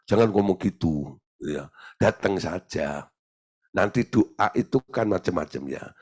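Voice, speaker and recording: A male pastor telling a story in a teaching sermon, lively and often laughing. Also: low-pitched.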